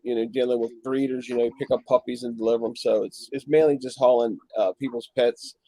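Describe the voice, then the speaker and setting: A man talking on a casual live chat, halting, with many fillers and restarts. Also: mid-range voice, steady tone, dark tone, no room sound, low-quality recording.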